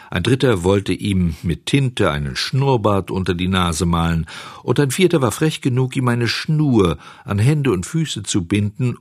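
A man reading a children's novel aloud as an audiobook narrator, measured and expressive. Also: lowish voice, no echo, studio quality.

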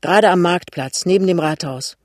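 Ein Mann spielt einen höflichen Chauffeur. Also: male voice, high-pitched, normal speed, dry recording, clean studio sound, lightly acted. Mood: polite. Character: polite small-town male chauffeur.

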